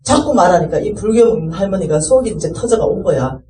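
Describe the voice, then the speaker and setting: A middle-aged woman delivers a sermon-style testimony, her pitch swinging widely as she acts out the people in her story. Her tone is mellow and soft-edged. She sounds set back from the mic in a roomy, echoing hall. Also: animated, quick pace, distant mic. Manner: impassioned, rising to fervent pleading. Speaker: speaker giving a church testimony.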